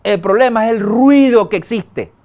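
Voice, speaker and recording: Man, pastor, sermon, high pitch, conversational, colloquial. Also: darkish tone. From Venezuela. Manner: conversational preaching with colloquial asides and quick bursts.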